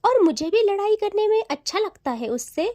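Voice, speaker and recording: A woman's voice: extremely high pitch, sing-song, normal speed, warm tone, no room sound, voice pushed up. A woman voicing a whiny, teasing young woman friend. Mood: pleading, teasing.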